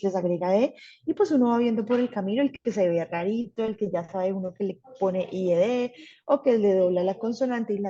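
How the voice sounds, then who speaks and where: This woman speaks at a medium pitch with a dark, slightly rough tone, and the sound is lo-fi. In an online grammar lesson, she teaches English patiently and frequently checks on her students.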